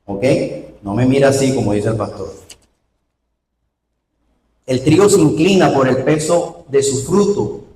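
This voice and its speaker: A man preaching a sermon in a church, animated, with rhetorical questions to the congregation. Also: medium pitch, measured pace, pauses often. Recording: roomy hall, voice from far off.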